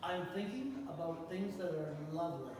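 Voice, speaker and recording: A man voicing an earnest beaver puppet in a children's show, hesitant and halting as he thinks aloud. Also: on the high side, animated, lightly acted. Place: large church room with live audience. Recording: echoey hall, far from mic, faint noise.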